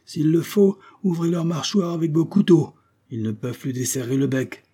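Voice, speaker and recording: A man voicing a gruff, bold old sea captain who barks orders in rough sailor slang. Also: on the high side, expressive, normal speed, warm tone, voice pushed up. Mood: gruff, bossy.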